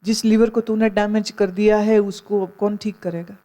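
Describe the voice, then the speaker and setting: Woman preacher telling stories in a sermon, chatty, slips in english phrases, mid-pitched voice. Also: level tone, moderate pace, mellow. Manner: storytelling, mixes in English phrases. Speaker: spiritual teacher.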